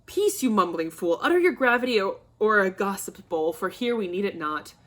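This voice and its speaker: A woman reading an angry, domineering old father, a nobleman, who bursts into shouting and scolding. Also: medium pitch, lively intonation, normal speed, natural voice. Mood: furious.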